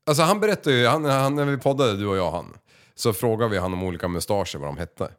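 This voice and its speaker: A man's voice: on the low side, lively intonation. A man hosting a casual podcast quiz, reading out odd words, swearing often and stumbling over his words. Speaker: podcast host. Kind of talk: casual chat, quiz game.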